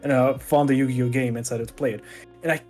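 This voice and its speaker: A man's voice: mid-range voice, fairly even intonation, quick pace, mellow, faint music behind. A man co-hosting a casual podcast, speaking hesitantly with many fillers and frequent laughs. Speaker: podcast co-host. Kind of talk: casual chat.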